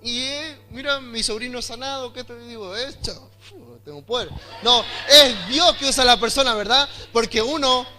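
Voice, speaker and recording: A young man with an Argentine accent, preaching a sermon and telling a personal testimony, often building to loud, emphatic delivery. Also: very high-pitched, normal speed, few pauses, soft background music. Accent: Argentine Spanish.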